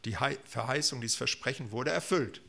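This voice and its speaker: A man preaching a sermon, swinging between loud proclamations and quiet, almost whispered asides. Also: medium pitch, moderate pace, creaky.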